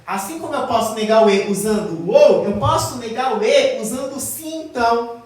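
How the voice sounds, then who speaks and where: A woman teacher explaining logic at a whiteboard, often checking in with the class and slowing down to stress key terms. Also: fairly high pitch, lively intonation, darkish tone. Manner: addresses class as "gente", checks with "tá?"; slows down to stress key words. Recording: very echoey room, mic far off.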